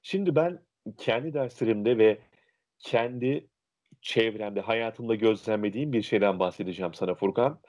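A young adult man, a diction instructor, explaining dialects and speech in an interview with lively, illustrative examples. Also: fairly low pitch, moderate pace.

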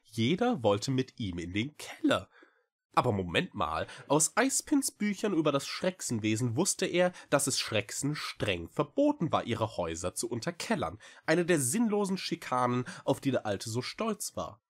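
A man reading a novel aloud in an expressive, theatrical narrating style. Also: medium pitch, normal speed, few pauses. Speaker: storybook reader.

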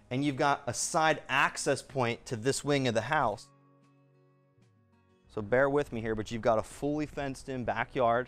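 A real estate agent in his thirties gives an enthusiastic walkthrough of a single-story house on camera, moving inside and around it. His medium-pitched voice is fairly bright and smooth, delivering upbeat sales patter with features fired off in short bursts.

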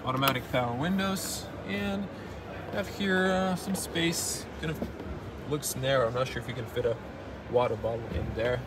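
A man's voice: medium pitch, moderate pace. A man walking around a car at an auto show, pointing out its details in a plain, matter-of-fact way, filmed on a handheld camera. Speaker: car reviewer. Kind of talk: walkaround car review. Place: indoor auto show hall. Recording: noisy auto show floor.

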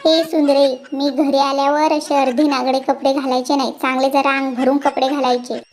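A voice actor doing a squeaky bossy cartoon aunt. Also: female voice, little pitch movement, moderate pace. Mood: scolding. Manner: scolding, sharp-tongued. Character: bossy quarrelsome middle-aged aunt. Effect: high pitch-shifted cartoon voice.

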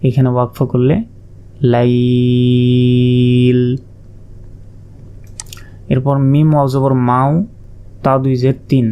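A man's voice: medium pitch, dark tone. A man teaching Quran reading, spelling out letters and vowel marks patiently, stretching sounds in his examples. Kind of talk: step-by-step spelling lesson.

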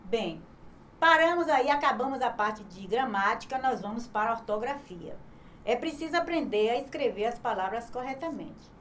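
A woman's voice: on the high side, lively intonation, a bit bright, a little hiss or hum. A woman with a Brazilian accent teaching an online grammar lesson to children, sounding words out syllable by syllable and asking questions she answers herself. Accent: Brazilian Portuguese. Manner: slow, patient, spelling words out syllable by syllable; asks the class questions and answers them herself. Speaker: primary school teacher.

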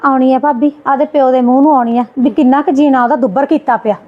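A woman scolding her sister-in-law in a Punjabi family drama skit, indignant and quick. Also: sits high, steady tone, narrow, tinny audio.

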